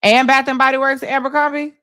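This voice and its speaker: A woman hosting a livestream, telling stories in a loud, laughing, profane way. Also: high voice, level tone, fairly quick, no room sound, studio quality. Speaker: livestream host. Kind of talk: casual livestream chat.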